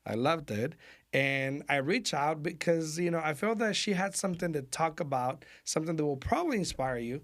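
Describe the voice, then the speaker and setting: A man's voice: on the high side, animated, normal speed. Chatty middle-aged male interview host. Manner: friendly, chatty, laughs often. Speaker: podcast host. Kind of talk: casual interview.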